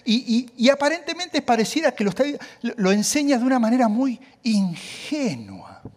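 Animated preacher man. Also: very high-pitched, normal speed. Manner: animated, emphatic, conversational asides. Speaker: pastor. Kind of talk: sermon.

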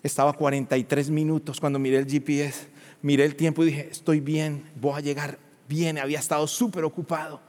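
Pastor, male, high-pitched voice, dramatic sermon delivery, church reverb. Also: little pitch movement, a little fast. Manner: swings from hushed to shouted, dramatic storytelling.

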